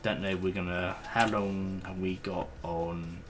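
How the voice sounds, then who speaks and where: A man's voice: sits low, little pitch movement, unhurried, background noise. A man streaming a game, chatting casually with hesitant, rambling talk and the odd swear. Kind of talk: casual gaming stream chat.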